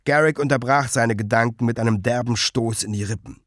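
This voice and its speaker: A man narrating a dark story in a slow, expressive audiobook reading. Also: mid-range voice, dry recording, studio quality.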